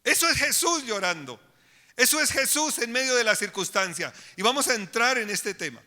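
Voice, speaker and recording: A man's voice: extremely high pitch, animated, moderate pace, sharp tone, big-room sound. A man preaching a sermon as pastor, with emphatic delivery, addressing the congregation directly in a church.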